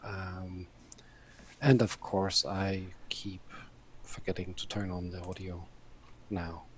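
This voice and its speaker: A man on a casual panel chat, talking in a hesitant, thoughtful, halting way. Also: low-pitched, flat delivery, slight background noise. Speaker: show panelist.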